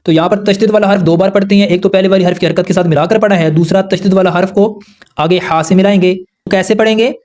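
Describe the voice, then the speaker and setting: High-voiced man patiently teaching recitation. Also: fairly even intonation, a little mellow. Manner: patient, explanatory, repeats rules slowly and simply. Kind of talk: Tajweed lesson explaining rules.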